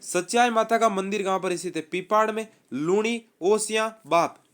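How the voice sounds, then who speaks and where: A man teaching a live online exam-prep quiz class, reading options and repeating answers in a brisk, quizzing manner. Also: high-pitched, fairly bright tone, clean tone.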